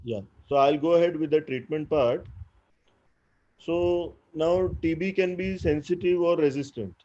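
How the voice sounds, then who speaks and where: A man's voice: a little high, a little slow, a little mellow, muffled recording. A man with an Indian English accent, a doctor teaching postgraduates in an online clinical lecture, explaining step by step with many "uh"s and "right?" tags. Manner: explanatory, with frequent "uh" and tag "right?".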